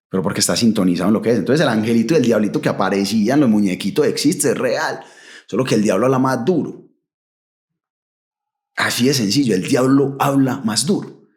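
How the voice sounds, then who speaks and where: A young adult man with a Colombian Paisa accent, telling his story as a podcast guest, vivid and full of local slang. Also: mid-range voice. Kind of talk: animated testimony.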